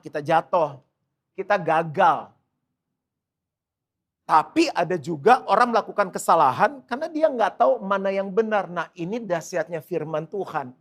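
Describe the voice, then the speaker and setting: Middle-aged man, pastor, casual and animated preaching for an online service. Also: high voice. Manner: conversational, animated storytelling with acted quotes. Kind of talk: sermon. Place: church service streamed online.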